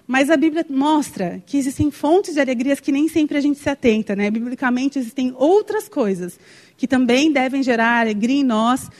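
A woman's voice: high voice, moderate pace, a little mellow. A young woman from Brazil, preaching a sermon and telling a personal story, heartfelt and full of exclamations. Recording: long hall reverb.

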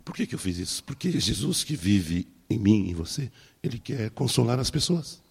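A man's voice: lowish voice, expressive, moderate pace, creaky, husky. A man, a pastor preaching a sermon and telling personal stories, acting out the dialogue. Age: 60s. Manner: storytelling, acting out dialogue with soft laughs.

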